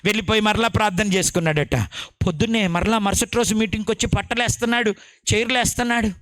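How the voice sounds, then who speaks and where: A male pastor, telling a story in an animated sermon. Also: high voice, quick pace, dry recording, studio quality. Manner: animated storytelling, dramatic retelling.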